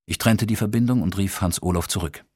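A man narrating an audiobook in a calm, measured reading, lightly acting out the dialogue. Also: low-pitched, breathy edge, dry recording, studio quality.

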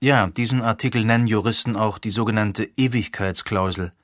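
A man's voice: fairly low pitch, a little fast, dry recording, clean studio sound, lightly acted. A man voicing a composed, middle-aged teacher explaining things in a lecturing manner. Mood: calm.

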